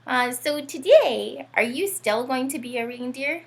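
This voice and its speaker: An animated woman with a very creaky, high-pitched voice speaks at a measured pace. As a children's read-aloud host, she reads and chats playfully to young children in a sing-song manner, asking them questions.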